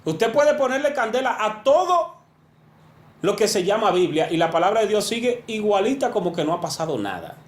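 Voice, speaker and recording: A man's voice: sits high, very animated, normal speed, reverberant. A man preaching a sermon, earnest and emphatic, rising and falling as he makes each point.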